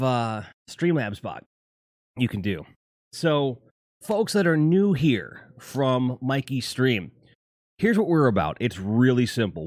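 A middle-aged man hosts a livestream, chatting casually with viewers in a rambling, profane way. His pitch sits in the middle range. The sound is dry and close, with no room echo. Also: a little mellow. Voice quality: profane, rambling, self-correcting. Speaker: livestream host. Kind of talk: casual chat.

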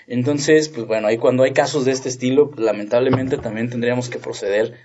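A man, a veterinarian guest, explaining things slowly and carefully in a casual podcast chat. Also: mid-range voice, steady tone, darkish tone, muffled recording, a little hiss or hum.

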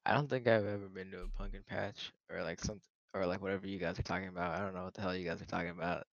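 A young man with a very deep voice who rattles through casual podcast chat, letting his sentences trail off. The recording sounds dull and lo-fi. It is also dry, with no room sound around him. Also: steady tone, very fast, creaky, no echo. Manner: offhand, mumbly, trailing off. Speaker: podcast co-host.

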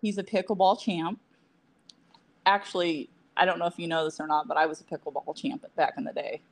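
A woman co-hosting a casual podcast, chatty and quick to laugh, with self-deprecating asides. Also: fairly low pitch, fairly even intonation. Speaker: podcast co-host.

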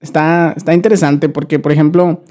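Young Mexican man, casual podcast talk, slangy, higher-set mellow tone. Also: fairly quick. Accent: Mexican Spanish. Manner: relaxed slangy, frequent restarts and fillers. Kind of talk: casual chat.

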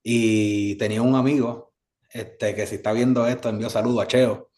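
A Puerto Rican man with a fairly low voice speaks as a guest on a casual interview. He talks in an easygoing, meandering way and leans on plenty of fillers. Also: fairly even intonation, normal speed, darkish tone. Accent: Puerto Rican Spanish. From Puerto Rico. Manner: easygoing, rambling, with many fillers. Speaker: musician guest.

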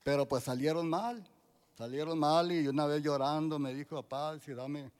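A man, giving a church testimony in a halting way, full of restarts and fillers. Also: fairly high pitch, darkish tone, smooth. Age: 60s.

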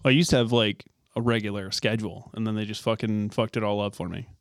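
A man's voice: fairly low pitch, steady tone, fast, no echo, studio quality. A young man co-hosting a podcast, talking in a laid-back, profane casual style. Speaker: podcast co-host. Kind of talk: casual chat.

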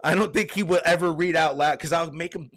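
A man's voice: fairly high pitch, fairly even intonation, fairly quick, a bit bright, dry recording, studio quality. A young man co-hosting a podcast in laid-back, slangy casual chat. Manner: laid-back slangy banter, says bro and dude. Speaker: podcast co-host.

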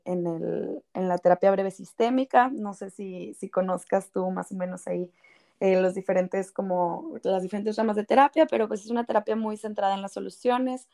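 A clinical psychologist with a Mexican Spanish accent speaks as a guest on a casual podcast interview. Her medium-pitched, gravelly voice comes out soft-spoken and hesitant.

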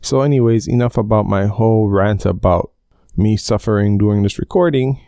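Sweating from the heat, a man in his twenties from Belize hosts his solo podcast from his bedroom with a home mic under a blanket, chatting casually, rambling, and self-aware about drifting off topic. His clear, resonant voice is dark and on the low side, at normal speed. The sound is clean and studio-like, with no echo.

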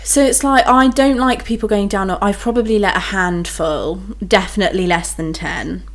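A young woman from England hosts a relaxed podcast at an easy middle pitch. She talks in a chatty, giggly way with a casual, friendly flow. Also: normal speed. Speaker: podcast host. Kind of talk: casual chat.

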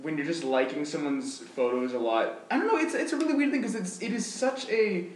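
A man's voice: fairly high pitch, brisk, recorded from a distance. A man co-hosting a podcast in casual chat, hesitant and rambling with restarts. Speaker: podcast co-host. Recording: echoey room, faint background noise.

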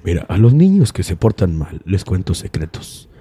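Comedy Santa: man doing a sugary, sly, tipsy Saint Nick who coos and hushes, lively melody. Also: on the high side, fast talker, creaky, full character voice. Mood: conspiratorial. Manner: cooing, drops to a sly hush. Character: sweet-talking male Santa Claus, sly and boozy.

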